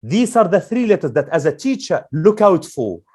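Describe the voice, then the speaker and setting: A male Quran teacher leading a classroom lesson, slowly drilling letter sounds and asking the class questions. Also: sits high, big pitch swings, a little mellow, slightly rough.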